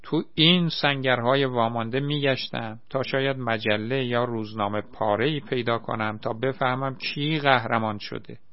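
A man doing a brash, shouting young soldier. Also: mid-range voice, dry recording, muffled recording, lightly acted. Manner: loud, exclaiming, shouting. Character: excitable young male soldier, football-mad, brash.

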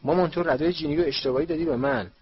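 A man voicing an excitable teenage wizard boy who protests quickly. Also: high-pitched, vocal fry, slightly rough, lo-fi sound, pitched above the performer's own voice, exaggerated voice. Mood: protesting.

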